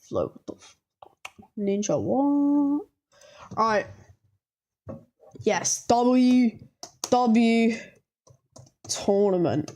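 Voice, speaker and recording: A woman hosting a reaction video, talking in a slangy, halting way as she thinks aloud and gives ratings. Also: medium pitch, mellow. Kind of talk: casual reaction commentary.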